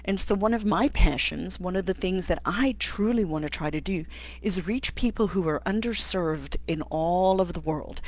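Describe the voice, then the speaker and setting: A middle-aged South African woman with a voice on the low side hosts a live stream as an occupational therapist. She answers viewer questions while thinking aloud, pausing and restarting often.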